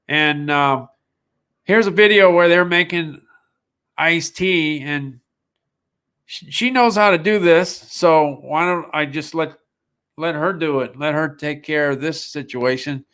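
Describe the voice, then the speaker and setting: A man's voice: a little high, slow, a bit bright, clean tone. A man hosting a live sales stream, talking casually in a rambling way with restarts. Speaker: online sales show host.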